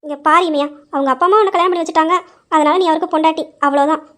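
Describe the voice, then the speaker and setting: A woman's voice: sits high, steady tone, rapid-fire, a bit bright. A young woman in a dramatized story who presses her point insistently and persuasively. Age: young adult.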